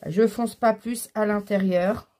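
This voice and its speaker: A woman's voice: medium pitch, fairly even intonation, unhurried, warm tone, a little hiss or hum. A woman hosting a casual craft tutorial, explaining each step while she works, with frequent fillers. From France.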